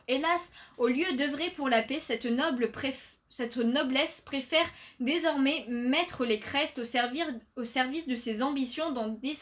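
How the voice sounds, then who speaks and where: This manga YouTuber's voice sits high and sounds fairly bright. In a laid-back video chat about new releases, she reads book summaries aloud and fills her speech with fillers.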